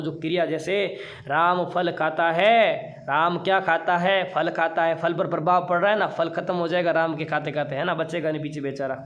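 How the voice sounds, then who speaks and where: A young man teaching an online exam-prep class in a playful, teasing way, asking questions and answering them himself. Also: a little high.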